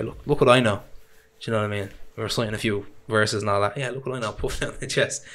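A man's voice: fairly low pitch, sharp tone. A man with a Dublin Irish accent talking earnestly and colloquially as a guest in a casual podcast conversation. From Ireland. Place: small living room, seated at a table. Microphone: boom-arm podcast microphone.

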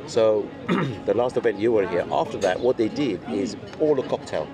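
At a moderate pace and a pitch on the low side, a middle-aged man chats over lunch on camera as host. A cigar retailer, he repeats phrases for emphasis while seated at an outdoor restaurant table by a stone wall, with music playing behind the conversation.

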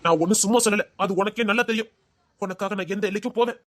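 A woman's voice: medium pitch, very fast, dry recording, clean studio sound, lightly acted. A woman voicing a desperate young man in love who pleads and threatens in an audio drama. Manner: pleading, repeats her name, emotional threats. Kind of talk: Tamil audio drama acting.

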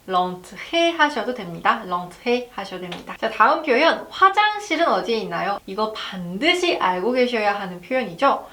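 A woman teaching French phrases to learners, saying them slowly and clearly so they can be repeated. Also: fairly high pitch, pushed and bright. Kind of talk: language lesson.

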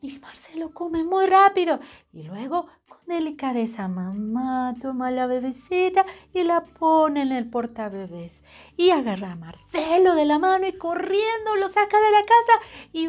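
A woman reading a storybook to children in an animated, sing-song way, speaking straight to the child. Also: very high voice, lo-fi sound.

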